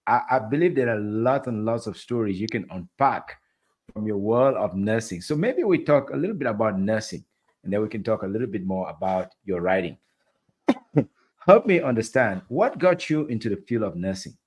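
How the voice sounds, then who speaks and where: A man's voice: fairly low pitch, lively intonation, normal speed, a little mellow, breathy edge. A man hosting an interview, encouraging and affirming his guest and often repeating phrases for emphasis. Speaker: interview host. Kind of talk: interview conversation.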